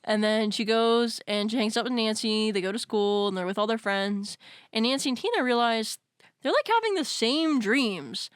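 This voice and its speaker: A woman's voice: fairly high pitch, normal speed, clear, resonant tone, no room sound, clean studio sound. A young woman co-hosting a casual film chat, rambling and swearing as she retells the plot, with lots of "like.". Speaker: co-host.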